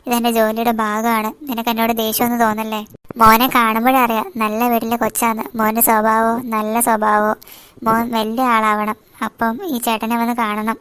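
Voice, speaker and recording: ഒരു സ്ത്രീ കാർട്ടൂണിൽ പിതൃവാത്സല്യമുള്ള, ദയാലുവായ ഒരു പുരുഷ ഗുണ്ടയ്ക്ക് ശബ്ദം നൽകുന്നു; അയാളുടെ സംസാരം മൃദുവും ക്ഷമാപണം നിറഞ്ഞതുമാണ്. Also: female voice, a little high, completely flat delivery, fairly quick, clean tone, no room sound, natural voice. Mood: apologetic. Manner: gentle, apologetic. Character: soft-hearted male henchman, fatherly. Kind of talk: cartoon voice acting.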